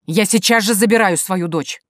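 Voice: mid-range voice, moderate pace, a bit bright, no echo, studio quality, close to an everyday voice. A reader voicing a coarse, sneering nobleman who barks insults in an audiobook. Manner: spiteful, barking insults. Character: brutal sneering nobleman, a grown man. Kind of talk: audiobook character voice.

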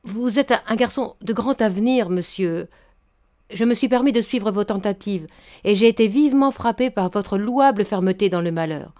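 A woman reading a story aloud, voicing an old spinster matchmaker who speaks in a flattering, unctuous way. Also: medium pitch, moderate pace, close to an everyday voice. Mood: coaxing. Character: old honey-tongued spinster matchmaker, scheming. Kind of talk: audiobook reading.

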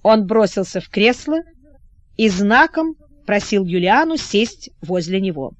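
A woman reading a historical novel aloud as narrator, in a measured, dramatic storytelling manner. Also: mid-range voice, very animated. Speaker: audiobook narrator.

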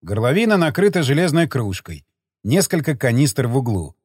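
Expressive male audiobook narrator. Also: medium pitch, normal speed, slightly rough, no room sound, clean studio sound. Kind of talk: scripted narration.

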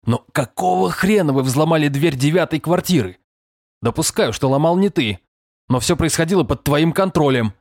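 A man's voice: on the high side, lively intonation, brisk, no room sound, studio quality, pitched above the performer's own voice. A man voicing a furious, stout middle-aged police lieutenant colonel who scolds with bellowing sarcasm. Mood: raging.

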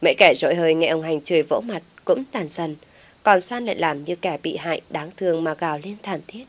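A woman reads a scripted story aloud in a steady, dramatic telling. Her voice sits a little low for a woman. The pacing is even narration. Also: a little fast.

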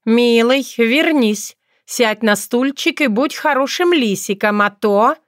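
A woman's voice: a little high, slow, no room sound, clean studio sound, voice pushed up. A woman playing a bossy old fox grandma. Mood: sweetly threatening. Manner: honeyed then sharply bossy. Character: commanding elderly fox grandmother, sweetly domineering. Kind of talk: audiobook character voice.

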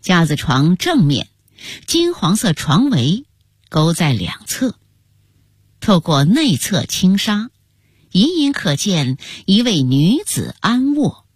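A woman telling a historical story in scripted narration, with an expressive, melodic delivery. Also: on the low side, slow, slightly rough, no echo, studio quality. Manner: expressive, rising and falling melodically.

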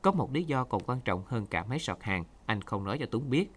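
A man voicing an anxious, devoted Hmong highland husband who cries out loudly, in a storybook reading. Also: very animated, a little fast. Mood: earnest. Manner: loud, emotional, cries out.

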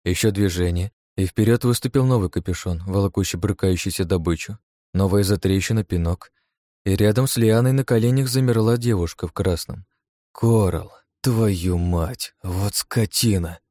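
A man narrates a first-person adventure audiobook with a very low, dark and mellow voice. He reads in a steady, measured way. The recording is dry and close. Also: dry recording.

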